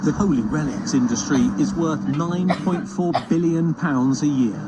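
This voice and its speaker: A man narrating a parody police documentary in a deadpan, scripted manner. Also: fairly high pitch, a little slow, rough recording. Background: loud background music.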